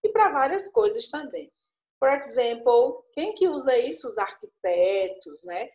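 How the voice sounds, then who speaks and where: A woman's voice: high voice, lively intonation, unhurried, darkish tone. Coaxing teacher woman, echoey room. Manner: coaxing, frequent tag questions. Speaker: English teacher. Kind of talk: online class explanation.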